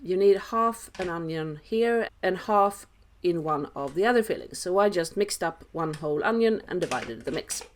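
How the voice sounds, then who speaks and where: Lower-voiced Swedish-accented woman, noisy recording. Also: lively intonation, normal speed. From Sweden. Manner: dry, self-deprecating humour. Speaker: home cook, host. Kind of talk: casual cooking tutorial voice-over.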